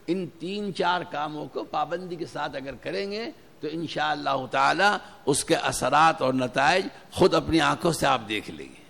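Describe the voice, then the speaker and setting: A man's voice: a little high, lively intonation, gravelly, few pauses, a bit bright. A man giving an earnest, exhortative sermon to a gathering, repeating his key points. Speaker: religious preacher. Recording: reverberant hall with faint ambient noise.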